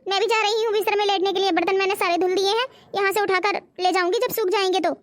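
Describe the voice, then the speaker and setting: A woman's voice: very high-pitched, steady tone, quick pace, dry recording, clean studio sound. A woman doing a mild elder sister-in-law. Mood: grumbling. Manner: soothing, patient. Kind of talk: cartoon voice acting.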